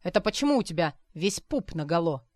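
A boorish male schoolteacher, voiced by a woman reader, gruff and self-important. He barks orders and lectures in a lowish, dry voice. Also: very animated, brisk, a little mellow, no echo. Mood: barking.

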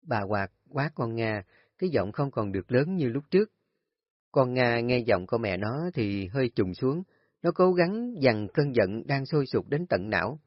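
Husky-voiced male storyteller. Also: mid-range voice, lively intonation, measured pace, dry recording. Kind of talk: scripted story narration. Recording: dull lo-fi audio with faint music.

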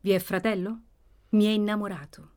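A woman voicing a worn, anxious young woman in an audiobook, speaking hushed and restrained with a trembling edge. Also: mid-range voice, fairly even intonation, moderate pace, close to an everyday voice. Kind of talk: audiobook character reading.

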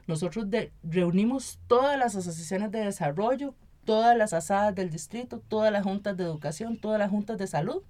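Her medium-pitched voice has a slightly mellow quality. She's a Costa Rican activist with a matching Spanish accent, explaining her points in a conversational interview and frequently adding a quick tag question to check in.

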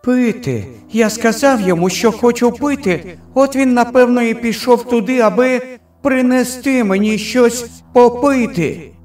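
A man voicing a frantic little boy who cries out in a shrill, near-shrieking voice. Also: a little slow, a little mellow, distant mic, soft background music.

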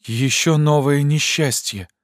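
A man's voice: on the high side, takes it slowly, dark tone, no room sound, studio quality, voice pushed up. A man voicing a frightened young wife who speaks breathlessly and pleads in alarm, in an audiobook reading.

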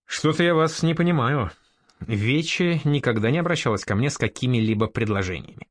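A man's voice: mid-range voice, animated, fairly quick, dry recording, clean studio sound, natural voice. A man reading a blunt, defiant raider chief. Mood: brusque. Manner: curt and sharp-tongued. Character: bold, blunt young male raider-merchant leader.

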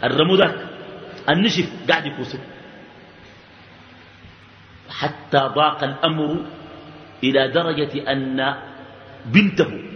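Sudanese preacher, man, fairly high voice, slow stressed phrases then rapid asides, muffled lo-fi recording. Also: slight background noise. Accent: Sudanese Arabic. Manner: animated, swings between slow emphatic phrases and quick asides. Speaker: sheikh giving a religious lesson. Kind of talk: colloquial sermon. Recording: echoey hall, dull lo-fi sound.

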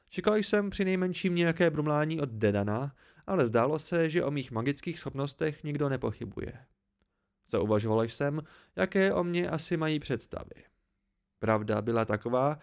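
A man reading a novel aloud in calm first-person storytelling, an amateur audiobook narration. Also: on the high side. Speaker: audiobook reader.

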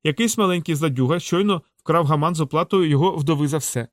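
A man voicing a shrewd old woman shopkeeper who scolds loudly and dotes on the boys. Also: a little high, quick pace, no room sound, studio quality, close to an everyday voice. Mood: outraged. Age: older. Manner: scolding, loud and doting by turns.

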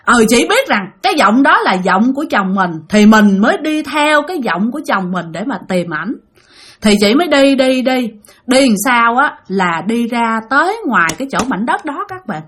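A woman's voice: fairly high pitch, very animated, normal speed, fairly bright tone. A woman with a Southern Vietnamese accent telling a spooky story in a chatty way, speaking straight to her listeners. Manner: chatty, addresses listeners directly. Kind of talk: spoken ghost story narration.

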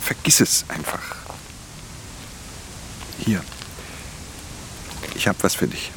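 Speaking slowly and naturally over background noise, a man voices a worn-out, hard-edged thief who narrates his own crime in a radio drama. His very deep, gravelly voice stays terse and subdued, with an earnest mood, as he moves between narration and dialogue.

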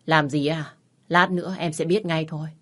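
A woman voicing a brooding, domineering young husband who is drunk and talks in a curt, mocking, quietly menacing way. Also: sits low, fairly even intonation, normal speed.

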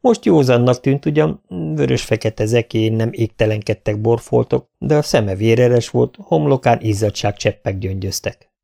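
A man reading a fantasy audiobook as narrator, in an even storytelling manner. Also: medium pitch, gravelly.

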